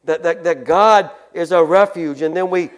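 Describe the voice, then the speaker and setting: High-voiced preacher man, earnest, stammering. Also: clean tone. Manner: earnest, repeats words and restarts often; reads scripture louder and slower. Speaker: pastor. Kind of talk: sermon.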